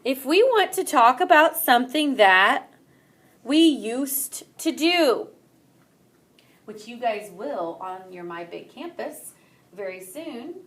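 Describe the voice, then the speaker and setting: A young woman teaching Spanish grammar to a class, explaining lively and asking students questions. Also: on the high side, takes it slowly. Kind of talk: classroom lesson.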